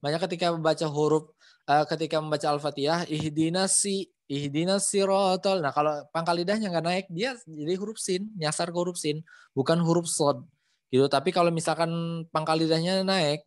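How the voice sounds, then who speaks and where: A man's voice: fairly high pitch, steady tone, a little fast. A man teaching Quran letter pronunciation in an online lesson, patiently repeating each point over a video call. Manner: patient, repeats points with many tag phrases.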